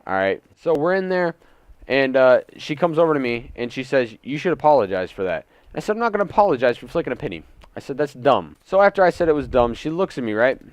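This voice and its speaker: Talking fast and very animatedly at medium pitch, a young gaming YouTuber shares a casual, sweary, indignant story over gameplay. He's a teen or young adult recording indoors at home, with no room sound.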